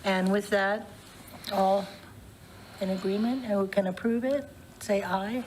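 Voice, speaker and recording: A woman chairing a public committee meeting, relaxed and chatty, with a voice she says she is losing. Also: mid-range voice, a little slow, slight background noise. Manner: warm, loose, laughs between remarks. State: losing her voice.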